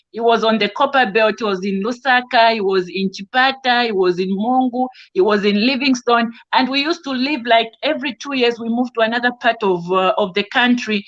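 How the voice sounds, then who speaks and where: An earnest woman from Zambia speaks in a fairly high voice, often restarting her sentences and filling gaps. She is calling in from home over a video link. The audio is dull and lo-fi. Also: a bit bright. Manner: earnest, with frequent restarts and fillers. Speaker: caller on an online discussion. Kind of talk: casual spoken testimony.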